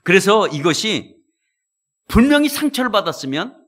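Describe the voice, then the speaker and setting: A male pastor preaching a sermon in a church, telling stories with animated delivery and speaking directly to the congregation. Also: high voice, normal speed. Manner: animated storytelling, addresses congregation.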